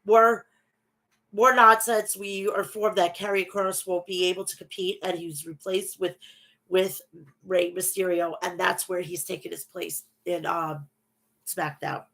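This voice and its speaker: This woman's nasal voice sits on the low side, fairly bright but with little pitch movement, and she takes an unhurried pace. Congested from a bad cold, she hosts a casual wrestling recap, reading match results and chatting with viewers.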